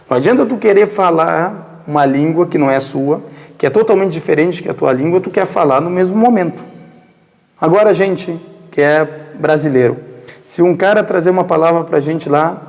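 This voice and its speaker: A man's voice: fairly high pitch, creaky, a little mellow. Arabic-native male religious teacher, echoey hall. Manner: poses rhetorical questions and answers them himself. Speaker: Islamic teacher. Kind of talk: religious lesson. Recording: long reverberant hall echo.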